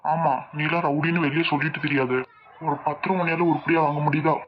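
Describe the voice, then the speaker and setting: A man's voice: a little high, little pitch movement, quick pace, lightly acted. A man voicing a fed-up, mocking henchman in a cartoon, speaking with a Tirunelveli Tamil accent. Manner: mocking, scolding. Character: grumbling male henchman, fed up. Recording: dull lo-fi audio with hiss.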